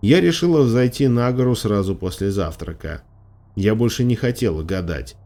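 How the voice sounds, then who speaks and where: Low mellow male audiobook narrator. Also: animated, normal speed. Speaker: audiobook reader. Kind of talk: scripted narration.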